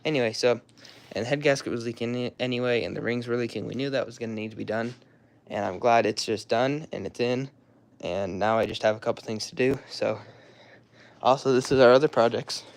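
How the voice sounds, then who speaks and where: Young male vlogger, hoarse, rambling and casual; drifts off mid-thought. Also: mid-range voice, a little fast. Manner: rambling, loose and offhand, trails off mid-sentence. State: hoarse, throat-clearing, coughing. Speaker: car hobbyist showing his garage. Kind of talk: casual walkaround vlog.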